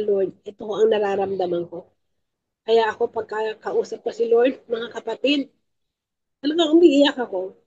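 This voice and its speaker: A woman's voice: fairly high pitch, a little mellow, breathy edge, highs cut off. A woman giving a teaching talk at a prayer group, emphatic and repeating her key points, with tearful moments. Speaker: lay speaker at a prayer group.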